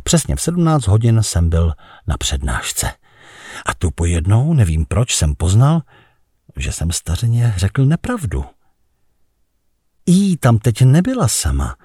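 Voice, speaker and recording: A man reading a literary story in the first person, measured, with hesitant pauses. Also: fairly low pitch, mellow, breathy edge, no room sound, clean studio sound. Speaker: narrator.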